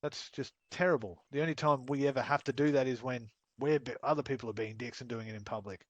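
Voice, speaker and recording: A blunt man leading a game training session over a headset, casual and full of swearing. His voice sits at a middle pitch and sounds dry and close, with no room around it. He slips into quick quoted lines as he explains. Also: no room sound. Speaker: training instructor. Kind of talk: casual voice-chat instruction.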